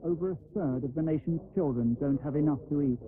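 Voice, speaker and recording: A man giving measured, formal scripted narration for a documentary, heard on a worn old VHS tape. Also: a little high, over music. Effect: worn old VHS tape sound. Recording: tinny lo-fi old video tape, faint noise.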